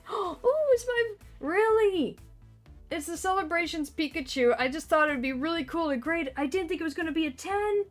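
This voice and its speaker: Excitable woman gushing over an unboxing. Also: high-pitched. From Canada. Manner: excitable, gushing, laughs often, trails off and restarts. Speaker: card collecting vlogger. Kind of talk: off-camera unboxing commentary.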